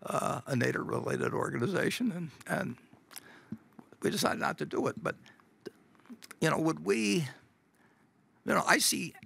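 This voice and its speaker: Older man, gravelly and husky, folksy meeting Q&A with chuckles and restarts, dry close sound. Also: fairly high pitch, bright, forceful tone, dry recording. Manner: folksy, halting, chuckles often, many restarts. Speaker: company chairman answering shareholder questions. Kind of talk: unscripted Q&A answer. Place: large meeting stage at a table.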